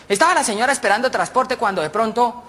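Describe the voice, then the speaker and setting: A man telling jokes on a radio comedy segment, in a lively, chatty storytelling manner. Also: very high-pitched, fast. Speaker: joke teller.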